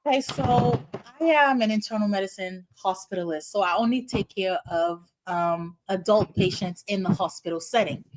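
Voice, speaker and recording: At a normal speed with few pauses, a middle-aged Haitian woman speaks in a medium-pitched voice. She's a guest and internal medicine hospitalist, answering interview questions in an earnest, explanatory way and often saying "you know."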